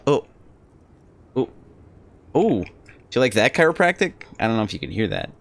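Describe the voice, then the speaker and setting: Lively, bright-voiced male streamer, chatty and halting, with faint music underneath. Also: medium pitch, vocal fry. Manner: chatty, halting, talks to his chat. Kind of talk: casual live game stream.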